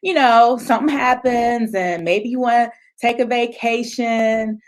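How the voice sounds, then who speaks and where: Woman motivational coach, a little high-pitched, chatty and animated, on a video call with viewers. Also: a little slow. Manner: conversational and animated, acting out people's inner voices; reads out and answers audience comments. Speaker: motivational coach leading a retreat session. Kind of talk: live motivational talk.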